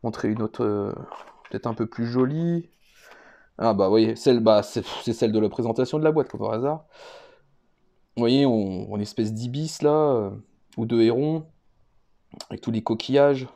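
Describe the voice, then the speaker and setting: Guy showing his cards, chill hesitant talk, keeps restarting, soft warm tone. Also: mid-range voice, moderate pace, pauses often. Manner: hesitant, many fillers and restarts. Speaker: YouTuber presenting his card games. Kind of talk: casual show-and-tell talk.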